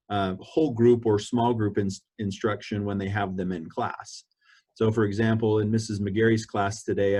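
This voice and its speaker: Man, low voice, school administrator, online parent meeting, steady explanatory delivery, video call. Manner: steady, explanatory, walks through slides.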